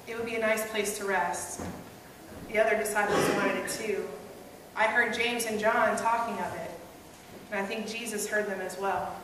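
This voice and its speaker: Her voice medium in pitch and fairly bright, a young woman pastor stands at a church pulpit and tells Peter's story in the first person as a dramatic monologue sermon, earnest and conversational in manner. It's picked up by a gooseneck pulpit mic and a far camera, sounding distant and noisy in an echoey hall.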